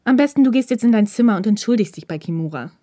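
A woman's voice: mid-range voice, lively intonation, quick pace, warm tone, dry recording, studio quality, close to an everyday voice. A woman voicing a cold older male student who speaks in clipped, commanding sentences. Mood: stern.

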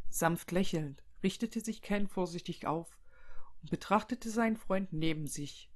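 A reader narrating a story aloud in a calm storytelling manner, voicing the dialogue. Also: medium pitch. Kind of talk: reading a fan story aloud.

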